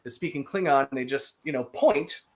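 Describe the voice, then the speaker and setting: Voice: medium pitch, a crowd in the background. Patient casual language teacher. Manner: patient, repeats phrases slowly for practice.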